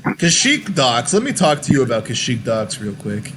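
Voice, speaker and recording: A man's voice: mid-range voice, big pitch swings, moderate pace. Rambling young man with background noise. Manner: rambling, many fillers and restarts. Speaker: podcast host. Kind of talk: casual gaming chat.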